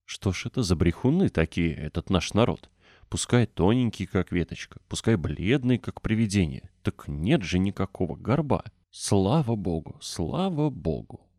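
Man playing old gardener, hoarse, wheezy, gruff, rough country speech, storybook. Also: low-pitched, very animated, normal speed, darkish tone, no echo, clean studio sound, heavily acted. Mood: overwhelmed.

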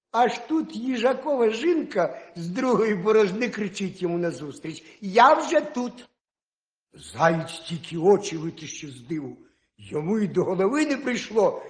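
A man tells a folk tale to children with a lively, expressive delivery. His voice sits fairly high and swings widely in pitch. The room around him rings with echo. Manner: animated, expressive storytelling. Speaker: storyteller.

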